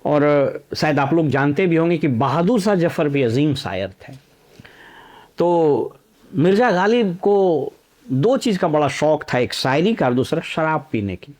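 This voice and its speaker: A slightly high, slightly mellow male voice belongs to a middle-aged former civil servant from Bihar's Nalanda district. He narrates in a measured way, weaving in proverbs and personal anecdotes.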